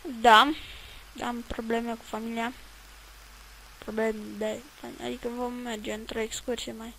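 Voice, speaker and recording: A woman's voice: a little high, flat delivery, fairly bright tone, slight background noise, rough recording. A woman giving rambling, chatty commentary while playing a video game, swearing at it now and then. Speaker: let's play gamer. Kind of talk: casual gameplay commentary.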